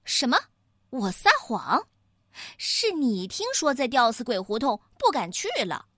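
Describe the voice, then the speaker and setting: Woman doing a cheeky fast little monkey. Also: a little high, sing-song, fairly bright tone, dry recording, studio quality, full character voice. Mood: teasing. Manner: fast, teasing. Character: quick, cheeky young boy monkey.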